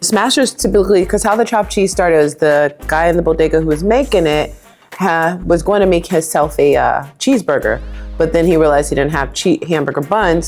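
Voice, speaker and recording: A woman's voice: sits low, a little mellow. A woman, chatting descriptively with many fillers as a cooking contestant. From Massachusetts. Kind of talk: casual food-tasting chat.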